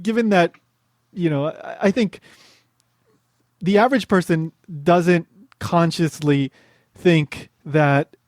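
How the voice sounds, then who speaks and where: A man's voice: on the high side, slow, long pauses, dry recording. A man interviewing in a casual, informal way, thinking aloud as he frames his points.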